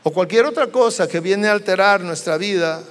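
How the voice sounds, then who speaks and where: A Mexican man preaching with a very high voice, his words trailing off into the long reverb of a church hall. He tells the story dramatically and acts out the voices of its people. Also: normal speed. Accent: Mexican Spanish. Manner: dramatic storytelling, acting out biblical dialogue. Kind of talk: sermon.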